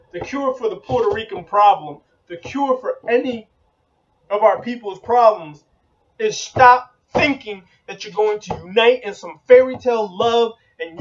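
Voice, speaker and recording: High-voiced man preaching bluntly. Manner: blunt, emphatic, repeats slogans; occasionally profane. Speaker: occult channel host. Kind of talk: preaching monologue. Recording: dull lo-fi recording.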